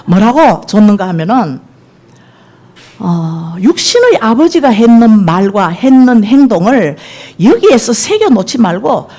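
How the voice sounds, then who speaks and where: A woman's voice: a little high, warm tone. A middle-aged woman evangelist giving a sermon testimony, telling stories with feeling and acting out quoted speech. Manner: emotional storytelling, acts out quoted speech.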